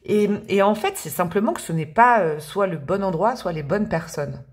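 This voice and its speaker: A woman's voice: medium pitch, lively intonation, normal speed. A woman giving a casual, chatty tarot reading, often hesitating and repeating her words. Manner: chatty, hesitant, repeats words, laughs and hums song lines. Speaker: tarot reader.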